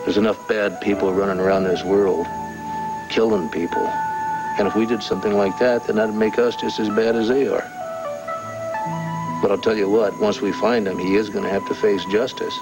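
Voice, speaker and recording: An actor as a gravelly, reassuring father. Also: lowish voice, fairly even intonation, moderate pace, close to an everyday voice, rough recording. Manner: reassuring, firm, earnest. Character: protective middle-aged father, steady and resolute. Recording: old TV soap with loud music score.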